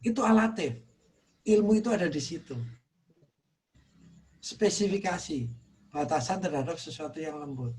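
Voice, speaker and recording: An Indonesian man teaching in a religious study talk, earnest, softly repeating phrases for emphasis. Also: fairly high pitch, normal speed, pauses often. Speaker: Islamic teacher.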